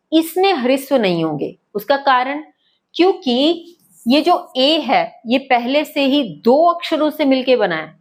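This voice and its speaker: A woman teaching a lesson to schoolchildren, speaking patiently, repeating points and checking that they follow. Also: high-pitched. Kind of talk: online lesson.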